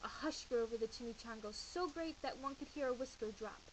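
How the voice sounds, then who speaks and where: A woman reading a children's bedtime story aloud in an expressive, animated way with dramatic emphasis. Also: on the high side, fairly quick, rough recording. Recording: faint hiss behind voice.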